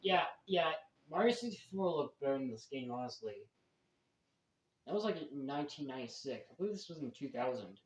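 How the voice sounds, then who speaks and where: A man's voice: mid-range voice, sing-song, brisk. A man hosting a reaction video with casual off-the-cuff commentary. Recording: roomy, slightly dull home recording.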